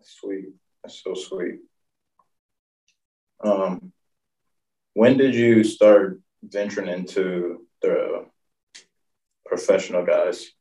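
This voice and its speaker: A man's voice: sits low, steady tone, extremely slow, long pauses, warm tone. A man interviewing a guest, asking easygoing questions in a casual chat. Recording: roomy sound from a distant mic.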